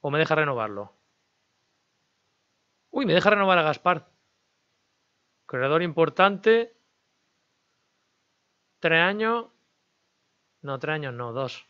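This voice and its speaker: Male gaming host, chatty self-talk over gameplay, crisp slightly dull mic. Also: fairly high pitch, very animated, slow pace, pauses often, pushed and bright. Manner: chatty, talks to himself and viewers while negotiating. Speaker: gaming YouTuber. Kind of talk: casual game commentary.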